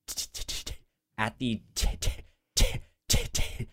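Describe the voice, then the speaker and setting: Co-hosting a film podcast, a man talks casually and with enthusiasm about movies in an unhurried voice that sounds pushed and bright. He stutters, repeating sounds and syllables.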